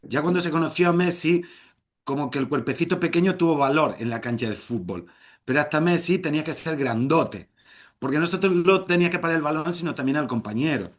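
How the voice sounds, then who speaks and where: A middle-aged man telling a humorous story live, playful and theatrical, with shouted exclamations. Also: a little high, fairly quick.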